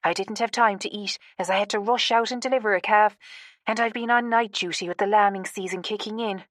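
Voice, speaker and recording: A woman's voice: mid-range voice, steady tone, brisk, a bit bright, no echo, studio quality, close to an everyday voice. A woman voicing a friendly, outgoing country man who talks in a hearty, teasing way in an audiobook.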